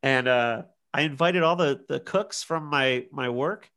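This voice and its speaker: A man's voice: mid-range voice, a little slow, smooth. A man in his thirties, a podcast co-host telling a party story in casual chat and acting out the quotes. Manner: animated storyteller, acts out quotes.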